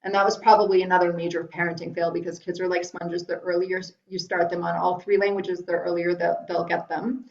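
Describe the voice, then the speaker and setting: A middle-aged Iranian woman with a lowish, slightly mellow voice talks briskly in a level tone, using vocal fry and few pauses. Chatty and prone to ums and restarts, she answers viewer questions live from a room at home. The video call recording is roomy, dull and lo-fi.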